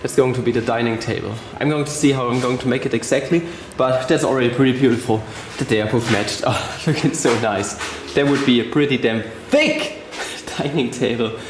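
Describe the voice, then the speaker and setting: A man casually narrating a woodworking vlog, talking excitedly and swearing now and then as he works on wood in his workshop. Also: medium pitch, brisk, noisy background. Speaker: woodworking vlogger. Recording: very echoey workshop room.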